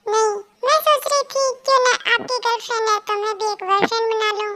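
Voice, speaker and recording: A bold young wife in a fan audio story, teasing and sweetly sarcastic, read by a woman. The voice sits extremely high and bright. She talks in a playful, cheeky way. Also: fast talker.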